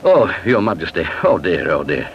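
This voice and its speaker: A man's voice: low voice, sing-song, normal speed, slight background noise, pitched below the performer's own voice. A man voicing a pompous minister who grumbles and whines. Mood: fretful. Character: pompous, fretful male minister. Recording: dull lo-fi recording with music.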